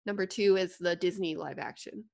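A woman's voice: on the low side, normal speed, gravelly. A young woman co-hosting a podcast in casual chat, giggly and full of "like". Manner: giggly, animated, lots of "like". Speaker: podcast co-host.

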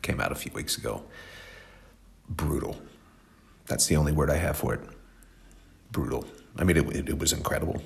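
A man in his forties hosts a music show on the radio, chatting casually in a rambling, talkative, self-deprecating way. He sounds somewhat stuffed up and tired. His very deep, creaky voice moves at a moderate pace with long pauses.

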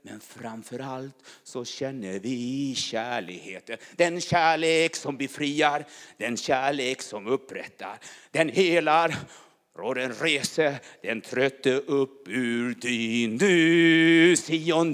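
A man preaching in a charismatic style, chanting repeated phrases that swell into loud proclamations, then speaking softly and personally. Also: medium pitch. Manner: rhythmic chanting repetition, rising to shouts. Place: church hall. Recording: long hall reverb.

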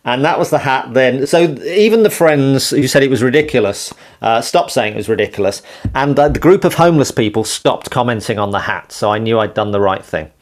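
A man's voice: mid-range voice, brisk. A man chatting casually in an interview, rambling through anecdotes in a self-mocking way and laughing often. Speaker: interviewed performer and pianist. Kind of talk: casual podcast chat.

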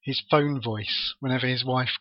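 A man's voice: medium pitch, steady tone, normal speed, no echo. A man talks chattily and rambles as a podcast co-host, stumbling over his words as he goes. His voice sounds dry and close, with no room sound. The audio is dull and lo-fi. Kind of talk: casual film discussion.

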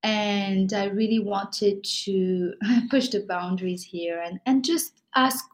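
A woman from Morocco answering interview questions about her film, pausing often with fillers and restarting her sentences. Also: mid-range voice, fairly even intonation, rough recording. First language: Moroccan Arabic or French. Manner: hesitant, many fillers and restarts. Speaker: filmmaker guest.

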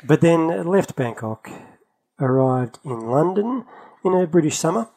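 Male podcast co-host, animated delivery, a touch husky, chatty and quick to laugh. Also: a little high, poor audio. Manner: chatty, laughs often, lively storytelling. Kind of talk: casual chat. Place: travelling, in London.

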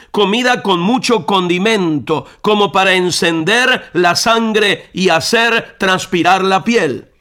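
Slow, bright-voiced male radio preacher. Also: sits high. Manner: earnest, direct appeal to the listener. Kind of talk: devotional radio sermon with storytelling.

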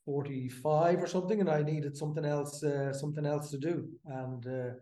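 A man in his fifties from the Netherlands, a brewery co-founder, talking as a podcast guest in a halting, filler-filled way. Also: on the high side, fairly even intonation, dark tone, roomy sound. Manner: halting, many fillers and restarts. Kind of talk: casual interview.

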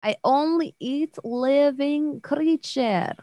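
Woman as giant spider lady, hungry, blunt, broken clipped words, slow. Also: high-pitched, warm tone, pitched above the performer's own voice. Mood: menacing.

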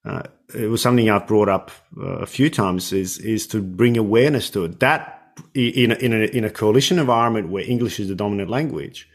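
An Australian man hosts an interview podcast, reflecting on what his guest says and building on it in easy conversation. His voice sits on the low side and moves a little fast.

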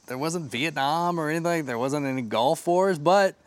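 A man's voice: a little high, moderate pace, no room sound. A man co-hosting a podcast in casual chat, talking loosely with many fillers. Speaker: podcast co-host.

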